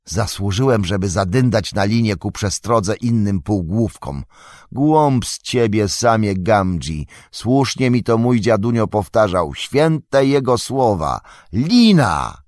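A man's voice: mid-range voice, animated, unhurried, no room sound, clean studio sound, pitched above the performer's own voice, lightly acted. Man doing Sam, a frantic loyal hobbit. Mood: self-scolding. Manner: frantic, shouting, scolding himself. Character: loyal, excitable male hobbit servant, self-scolding.

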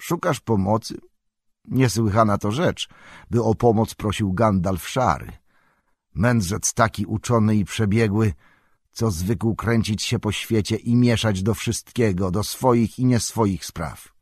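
A man's voice: lowish voice, breathy edge, no echo, clean studio sound. Saruman, a man voicing a scornful old wizard. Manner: slow, grand, declaiming. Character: proud, scornful old male wizard lord. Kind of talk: audiobook character reading.

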